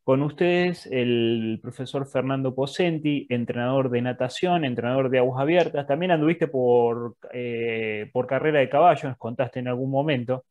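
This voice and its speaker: Male interviewer, thirties, Rioplatense accent, average pitch, informal hosting through earphones on a call. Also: moderate pace, hardly any pauses, a little mellow. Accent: Rioplatense Spanish. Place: indoor room, video call. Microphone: wired earphones on a video call.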